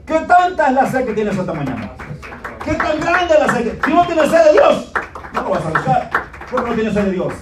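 A man preaching an impassioned sermon, pressing his listeners with repeated cries that swing from hushed to loud. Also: extremely high pitch, wildly swooping pitch, normal speed. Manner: fervent, repetitive exhortation swinging between soft and loud. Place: church sanctuary. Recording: echoey church room, distant mic, background noise.

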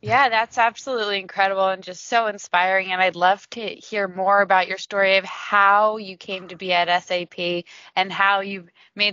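A woman co-hosts a podcast, heaping praise in an effusive way. Her voice is bright and forward. The audio is dry and muffled. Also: mid-range voice, no room sound. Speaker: co-host. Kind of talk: casual podcast hosting.

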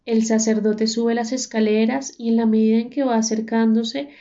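Woman narrator for a dark story: fairly high, flat and mellow, slow and deliberate, muffled sound. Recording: dull muffled recording.

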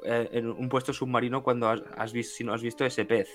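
A man's voice: medium pitch, flat delivery, a little fast. A man talks casually in a group discussion. There is faint music behind. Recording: music under the voice.

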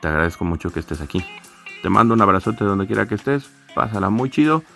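A man's voice: fairly low pitch, expressive, racing, vocal fry, bright, forceful tone, soft background music. A man hosting a casual podcast, speaking hesitantly with frequent restarts. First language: Spanish. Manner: hesitant, restarts often in English. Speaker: podcast host.

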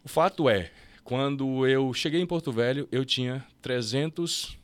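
Brazilian male podcast guest, mid-pitched, rapid storyteller, dry close sound. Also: no echo. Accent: Brazilian Portuguese. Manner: lively, fast storytelling with quick restarts and mimicked dialogue. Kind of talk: casual storytelling interview.

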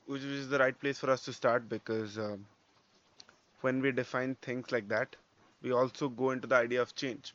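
A man's voice: mid-range voice, a bit bright. A man co-hosting a podcast, casually explaining step by step and often checking in with short tag questions. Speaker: podcast co-host. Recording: dull lo-fi audio.

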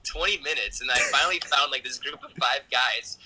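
A man's voice: mid-range voice, brisk, bright, forceful tone, slight background noise, poor audio. A young man in casual gaming banter, slangy and playfully boastful. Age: young adult.

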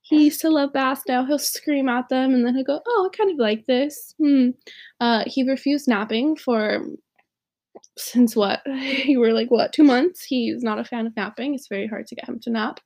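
A woman's voice: sits high, steady tone, moderate pace, darkish tone. A young woman hosting a podcast, chatting candidly and joking, laughing often. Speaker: podcast host. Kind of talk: casual chat.

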